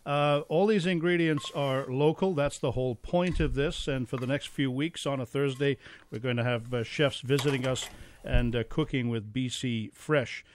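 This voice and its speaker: A man who grew up in Europe hosts a radio morning show, joking and asking quick questions. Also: medium pitch, a little hiss or hum. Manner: jokey, brisk interviewer. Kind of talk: casual radio hosting. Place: radio studio.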